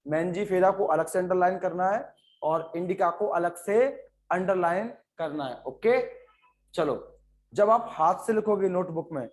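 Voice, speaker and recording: A man from India leads an online biology class with a high-pitched voice. He explains in Hindi sprinkled with English terms and calls on students by name. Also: darkish tone. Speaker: biology teacher. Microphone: online class setup.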